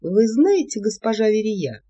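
A reader voicing a suave male prince who answers with smooth, ironic courtesy, in a storybook reading. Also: medium pitch, sing-song, unhurried, warm tone. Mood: courteous. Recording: dull lo-fi audiobook recording.

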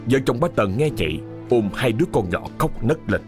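A man narrating a ghost story in a dramatic, expressive storytelling manner. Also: medium pitch, a little fast, over music. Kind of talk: scripted horror story narration.

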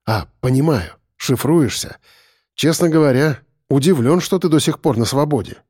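A man's voice: on the high side, animated, normal speed, a little mellow, slightly rough, dry recording, clean studio sound. A man voicing a casual, teasing male acquaintance.

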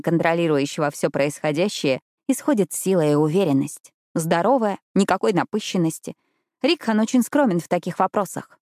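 A woman reading a first-person romance audiobook in an intimate, expressive narrating manner. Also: lowish voice, no echo, studio quality.

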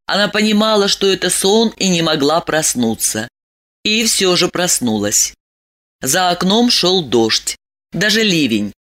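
A woman narrates an audiobook with a bright, clear-edged voice and a lively, widely moving pitch. Her reading is expressive and storyteller-like, pushing the tension along. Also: measured pace.

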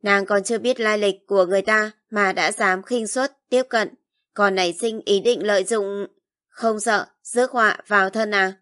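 A woman's voice: medium pitch, fairly even intonation, moderate pace, a bit bright, close to an everyday voice. A woman reading as a cold, mocking young nobleman. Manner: cool, detached, taunting. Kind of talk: audiobook narration.

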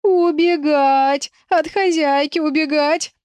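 A woman voicing a mischievous young male raccoon who wails in a high, drawn-out voice. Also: lively intonation, darkish tone, no room sound, lightly acted. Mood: wailing.

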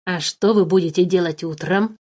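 A woman's voice: fairly low pitch, steady tone, darkish tone, husky. Woman putting on a sly wheedling dwarf. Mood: mocking. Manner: wheedling, mocking, drawn-out. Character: sly greedy male dwarf, cave treasure keeper.

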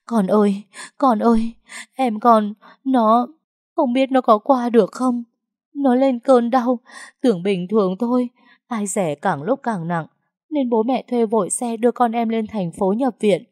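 A woman's voice: fairly high pitch, unhurried, darkish tone, dry recording, studio quality, voice pushed up. A woman voicing an elderly mother crying in panic, talking in broken, wailing phrases. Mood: panicked sobbing.

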